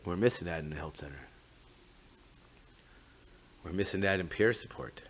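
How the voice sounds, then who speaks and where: A man's voice: low-pitched, moderate pace, slightly rough. A man with a Mi'kmaq First Nations Canadian English accent giving an informal, reflective, rambling talk, often tagging his phrases with "eh". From Mi'kma'ki, eastern Canada. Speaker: host of a talk on traditional teachings.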